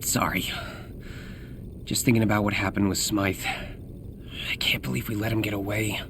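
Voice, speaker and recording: A man's voice: on the low side, fairly even intonation, moderate pace, background noise, natural voice. A man playing an earnest, self-effacing young superhero in a video game, with an American accent and a hesitant, wry, naturalistic delivery. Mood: troubled, thoughtful. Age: young adult.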